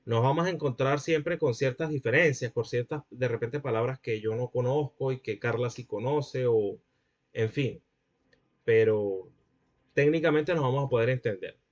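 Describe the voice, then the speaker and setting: A man with a Venezuelan accent teaching a linguistics class, explaining step by step and often checking in with his students. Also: mid-range voice. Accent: Venezuelan Spanish. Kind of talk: lecturing a class. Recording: muffled lo-fi audio.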